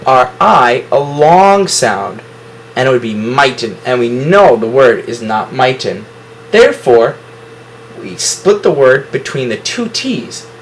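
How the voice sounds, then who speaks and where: A man's voice: medium pitch, a little hiss or hum, rough recording. A man teaching a phonics lesson to a class, explaining syllables at the whiteboard and praising students often.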